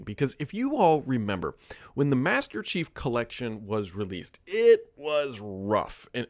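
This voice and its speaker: A man's voice: medium pitch, no echo. Dry-voiced man musing on video commentary. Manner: conversational, thinking aloud with frequent asides. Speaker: tech commentator.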